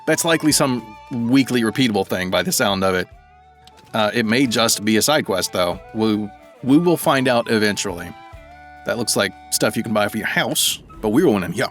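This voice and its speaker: A man's voice: lowish voice, lively intonation, moderate pace, fairly bright tone, faint music behind. A man giving casual let's-play commentary, thinking aloud and rambling as he plays. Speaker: gaming video creator.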